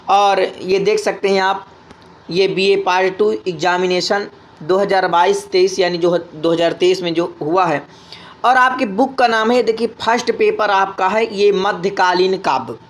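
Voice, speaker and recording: A man with a Hindi accent explaining an exam paper as a tutor, reading the questions aloud and chanting the verses in long, drawn-out tones. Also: sits high. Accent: Hindi, from north India.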